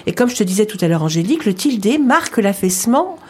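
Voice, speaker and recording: A woman's voice: medium pitch, sing-song, fast, warm tone, breathy edge. A woman co-hosting a language lesson, confirming points and giving example words one by one. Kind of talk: scripted lesson dialogue.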